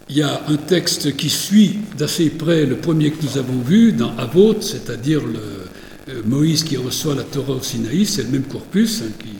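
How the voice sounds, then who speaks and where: A man's voice: a little high, vocal fry, darkish tone, echoey room, big-room sound, slight background noise. A man giving a lecture on religious texts, digressive, with many fillers and restarts.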